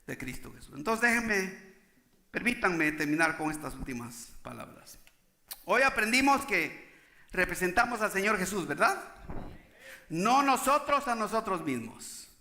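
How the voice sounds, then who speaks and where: A man's voice: high voice, very animated, unhurried, bright, forceful tone, echoey room. A man preaching a sermon as pastor, speaking emphatically and often checking in with the congregation.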